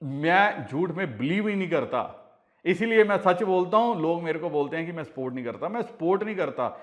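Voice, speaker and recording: A man hosts a casual advice vlog in an earnest, pleading tone, repeating each warning several times as he talks straight to his viewers. His voice sits somewhat high for a man. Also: animated, a little fast. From India. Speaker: crypto channel host.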